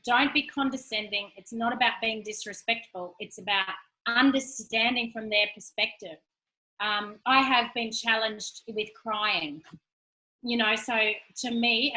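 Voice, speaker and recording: Woman in her 40s, candid and animated, fairly high voice, lots of energy. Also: poor audio. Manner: animated, frank, acts out quoted exchanges. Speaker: guest speaker. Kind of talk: candid Q&A talk.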